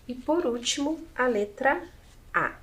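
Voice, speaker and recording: A woman's voice: sits high, expressive, slow pace, a bit bright. A Brazilian woman teacher with a Brazilian Portuguese accent, patiently spelling out letters and syllables one by one in a video lesson.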